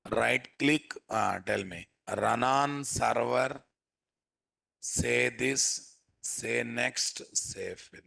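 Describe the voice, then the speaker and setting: A software instructor with a Telugu accent teaches a live programming lesson, repeating phrases and often asking his listeners questions to check on them. His mid-range voice is very slow and sharp-toned, with vocal fry.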